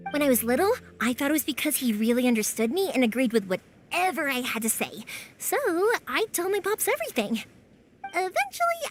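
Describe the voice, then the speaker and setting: An actress playing a warm-hearted, chatty young woman in a video game, energetic and friendly. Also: high-pitched. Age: young adult. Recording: music behind.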